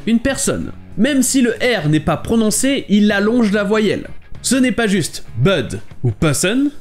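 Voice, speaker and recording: Lively high-voiced male teacher. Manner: lively, explanatory. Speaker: English pronunciation teacher. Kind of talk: video lesson.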